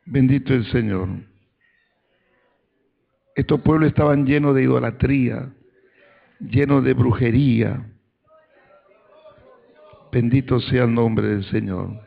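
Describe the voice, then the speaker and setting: Gravelly-voiced preaching pastor, lo-fi. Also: male voice. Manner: preaching with rising, shouted calls to praise; reads scripture aloud in a low, measured voice. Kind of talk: sermon.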